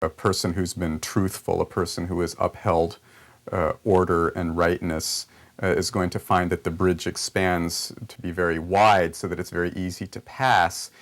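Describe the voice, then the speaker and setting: A man's voice: deep voice, level tone, moderate pace. A man interviewed as a scholar, explaining ideas with small hesitations.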